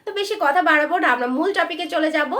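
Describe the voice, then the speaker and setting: A woman teacher giving a patient spelling lesson at a board, repeating each word slowly for her learners. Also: high-pitched, a bit bright, echoey room.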